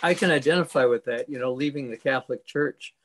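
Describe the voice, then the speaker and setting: Male co-host, middle pitch, easygoing and reflective, loose conversational phrasing. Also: quick pace, a bit bright, slight background noise. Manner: thoughtful, many "you know" fillers. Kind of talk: conversational interview.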